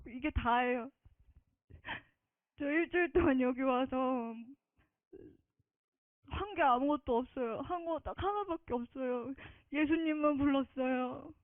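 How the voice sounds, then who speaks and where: A woman's voice: high voice, measured pace, pauses often, no echo. A woman giving an earnest, emotional personal faith testimony, often close to tears. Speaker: testimony speaker. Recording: tinny phone-like dry sound.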